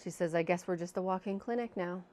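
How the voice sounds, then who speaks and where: Woman, vlogger, chatty, self-deprecating, lowish pitch, casual storytelling, home mic with windscreen. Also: fast talker, a little mellow. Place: home room with a fan running. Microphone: new microphone with windscreen.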